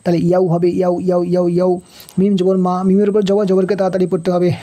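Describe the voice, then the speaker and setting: A man teaching Quran reading in a Bangladeshi Bengali accent, spelling out letters and vowel marks slowly and then chanting the verses. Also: sits high, completely flat delivery, warm tone. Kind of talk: Quran recitation lesson.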